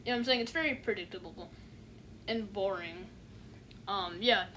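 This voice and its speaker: Poor audio with slight background noise captures a woman with a mid-range, fairly bright voice speaking at normal speed. The online reviewer meanders through a casual review, sounding dismissive, using heavy fillers, and repeating "you know what I'm saying."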